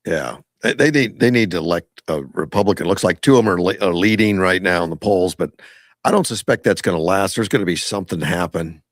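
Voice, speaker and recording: A man's voice: low voice, a little fast, dry recording, clean studio sound. A man hosting a casual chat, mostly chiming in with short reactions. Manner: brief reactive interjections. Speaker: host.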